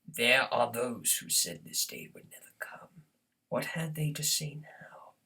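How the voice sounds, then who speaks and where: Prophet of Truth, husky thunderous wrathful zealot. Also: male voice, medium pitch, pushed and bright, far from the mic, heavily acted, low-quality recording. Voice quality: husky, breathy, gravelly. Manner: solemn, pompous oratory, swelling to thunderous wrath. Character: thunderous wrathful alien prophet, grandiose zealous religious leader. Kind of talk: theatrical game villain impression, grand speeches.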